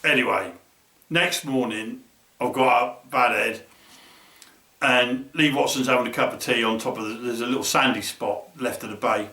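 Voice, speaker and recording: A man casually telling fishing stories, animated and swearing freely, acting out the voices of the people in his stories. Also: medium pitch, moderate pace. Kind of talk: casual storytelling. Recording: roomy, distant mic.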